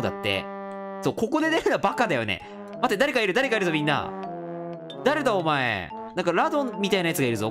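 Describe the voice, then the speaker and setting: A woman commentating a game, reading its text aloud and rallying the other players in a playful tone. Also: lowish voice. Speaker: gaming channel host.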